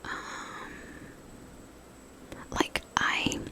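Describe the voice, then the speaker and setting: A young woman speaks in a hushed, breathy whisper at a very unhurried pace. She rambles casually in an ASMR style, halting and conversational as she goes. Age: young adult. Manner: hushed voice, pure unvoiced whisper. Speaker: ASMR content creator.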